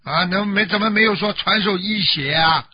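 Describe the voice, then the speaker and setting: A Buddhist master on a radio call-in show, explaining dreams to callers in plain terms and often checking whether they understood. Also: male voice, high-pitched, normal speed, husky, dull audio.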